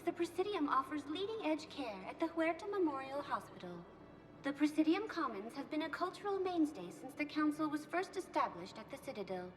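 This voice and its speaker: A woman voicing a calm female virtual guide computer in a video game, speaking in a polite, measured way. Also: sits high. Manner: polite, measured information-desk delivery.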